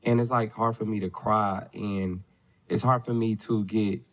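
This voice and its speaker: A man in his thirties with a somewhat low voice, sitting as a podcast guest. He talks in a loose, rambling way and keeps adding filler checks. The sound is dull and lo-fi. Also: steady tone, measured pace. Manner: loose and rambling, with frequent "you know what I'm saying". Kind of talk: casual conversation.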